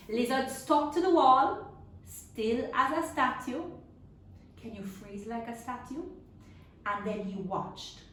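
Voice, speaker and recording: A high-pitched woman reads a children's story aloud in a very echoey room on a distant mic, with slight background noise. Her animated storytelling for young children is expressive and dramatic, with drawn-out sound effects and questions for the listeners.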